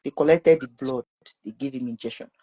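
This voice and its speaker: A woman, a mother being interviewed, telling her story in a lively way and acting out her son's cries. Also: brisk, slightly rough, highs cut off. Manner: animated, acts out her son's screams in a high voice.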